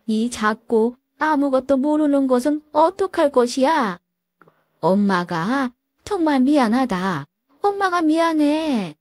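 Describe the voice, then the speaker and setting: A woman's voice: high-pitched, darkish tone, no echo, studio quality, voice pushed up. A woman voicing a scheming older mother-in-law who wails and pleads melodramatically in a storybook tale. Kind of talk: storybook role-play.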